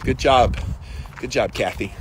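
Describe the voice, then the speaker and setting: Over a slight hiss or hum, a medium-pitched male host speaks a little slowly as he runs a laid-back livestream of his daily ice bath challenge. He reads out viewers' comments and replies with emphatic, upbeat, casual encouragement.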